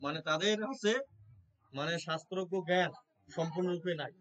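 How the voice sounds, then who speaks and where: A man who chants Sanskrit prayers loudly, one word at a time, and also talks about religion in a casual, conversational way. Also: on the high side, brisk, low-quality recording. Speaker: Gita devotee leading prayers.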